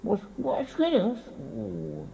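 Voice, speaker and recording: A man's voice: extremely high pitch, wildly swooping pitch, slow, vocal fry, dark tone, muffled recording, a little hiss or hum. A man with a Javanese accent preaching a folksy sermon and speaking directly to his listeners. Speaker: Islamic preacher.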